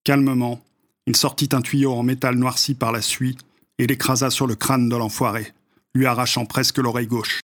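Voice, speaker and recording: A male narrator reads a story aloud. His voice sits at an ordinary middle pitch. He keeps a steady, measured reading pace throughout. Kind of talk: audiobook narration.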